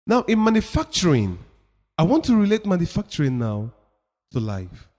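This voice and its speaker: A man with a high voice gives a motivational talk, his pitch swinging widely as he presses his points. He talks in an emphatic, preachy way and repeats phrases for effect. A long reverb hangs on the sound, as in a hall. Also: wildly swooping pitch, moderate pace, darkish tone. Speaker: motivational speaker.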